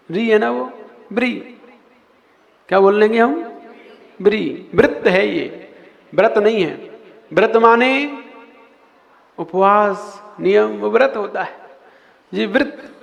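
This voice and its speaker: A man's voice: high-pitched, creaky, long reverb tail, muffled recording. A man, a monk teacher, chants Sanskrit verses and patiently corrects pronunciation, quizzing his listeners.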